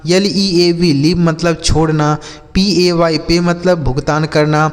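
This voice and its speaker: A man teaching English words, spelling each one letter by letter and slowing down to read out example sentences. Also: on the high side, big-room sound. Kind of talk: spelling and word-meaning lesson.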